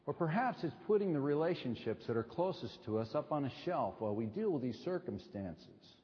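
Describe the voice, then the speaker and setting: A middle-aged American man preaching a sermon at a pulpit microphone, in a measured delivery with deliberate pauses and rhetorical repetition. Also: fairly high pitch, big pitch swings. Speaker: pastor preaching to a congregation. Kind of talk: sermon with personal storytelling. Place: large echoing church hall. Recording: dull sound in a reverberant hall.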